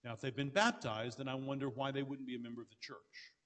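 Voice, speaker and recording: A man answering questions from the floor as pastor, earnest and fast, often restarting mid-sentence. His voice carries a long reverb from a large hall. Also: mid-range voice, level tone, a bit bright. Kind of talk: conference Q&A answers.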